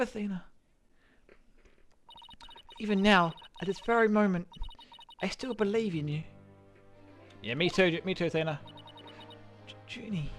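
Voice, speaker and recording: A streamer voicing a gentle, devoted young woman in a soft, reassuring voice. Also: mid-range voice, close to an everyday voice.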